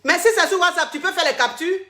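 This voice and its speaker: A woman's voice: extremely high pitch, fast talker, sharp tone. A woman hosting an advice call, coaching a caller in a dramatic, teasing way and repeating her phrases over and over. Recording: roomy echo.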